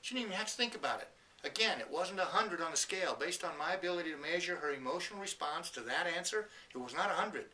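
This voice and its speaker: A man's voice: a little high, lively intonation, fast, pushed and bright, distant mic, rough recording. A man giving an earnest, emphatic motivational talk, telling stories and acting out the people in them. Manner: earnest, emphatic, storytelling with quoted voices. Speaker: motivational speaker.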